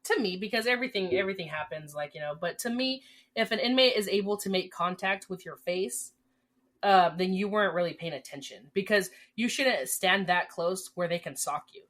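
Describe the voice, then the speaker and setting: A woman co-hosting a podcast, telling jail stories from her time as an officer in a lively, swearing, laughing way. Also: medium pitch, a little fast. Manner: animated storytelling, swears freely, laughs often. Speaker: podcast co-host, former corrections officer. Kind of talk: casual chat.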